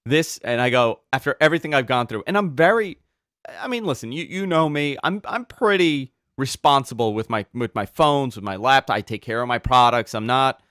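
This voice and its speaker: A man hosting a podcast, telling stories in an animated way and repeating words when he gets excited. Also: medium pitch, moderate pace, no room sound, studio quality. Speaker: podcast host. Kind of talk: casual podcast chat.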